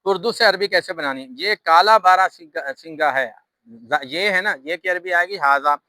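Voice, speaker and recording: A man's voice: high voice, bright, forceful tone, no echo, poor audio. A man with a Pakistani Urdu accent teaching an Arabic lesson, patiently repeating each grammar rule step by step. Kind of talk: classroom lesson explaining grammar.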